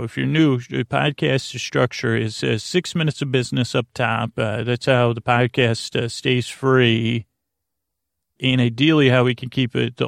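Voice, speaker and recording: A creaky, low-key man, the host and creator of a sleep podcast, rambles gently through a soothing bedtime monologue aimed at the listener. He is hesitant and meandering, often repeating and trailing off mid-word, and the recording is dry with clean studio sound.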